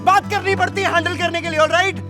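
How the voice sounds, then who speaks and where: A hot-tempered young brother, scolding his sister with a sharply high voice. Music runs under the argument. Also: steady tone, fast. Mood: angry. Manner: heated, scolding.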